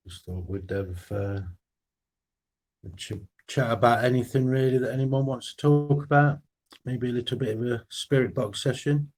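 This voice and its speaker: A man's voice: medium pitch, moderate pace, darkish tone. Man greeting live stream viewers. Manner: friendly greetings to viewers by name. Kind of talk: casual chat with live chat viewers.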